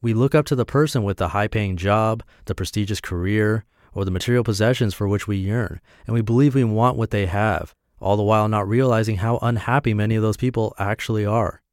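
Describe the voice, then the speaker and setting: A man from Montana, reading his reflective essays aloud in a measured, deliberate way. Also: fairly low pitch, a little mellow, no room sound, clean studio sound. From Montana, USA.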